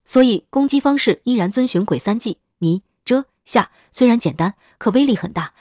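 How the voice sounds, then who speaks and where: A woman's voice: on the high side, expressive, moderate pace, a little mellow, dry recording, studio quality. A woman voicing a stern male underworld soul-catcher, cold and mocking, giving curt, scornful commands in a storybook tale. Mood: grave.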